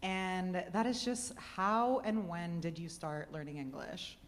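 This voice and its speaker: A woman from Rico, moderating a panel in a chatty, relaxed way. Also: lowish voice, slow, slight background noise. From Puerto Rico. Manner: chatty, relaxed, with filler words. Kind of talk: casual panel talk. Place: conference venue hall. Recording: long hall reverb.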